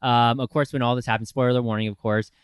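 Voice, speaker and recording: Fast-talking guy on a movie podcast, rambly, keeps restarting, dry mic. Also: mid-range voice, steady tone, smooth, no echo. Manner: rambling, restarts a lot, enthusiastic. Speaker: podcast co-host. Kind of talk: casual movie review chat.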